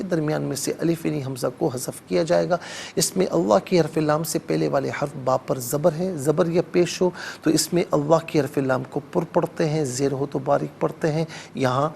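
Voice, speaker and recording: A man teaching Quran recitation on television in Urdu-accented speech, explaining each word methodically and chanting verses slowly. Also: fairly high pitch, gravelly, a little mellow, a little hiss or hum. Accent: Pakistani Urdu. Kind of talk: televised tajweed lesson with slow chanted recitation.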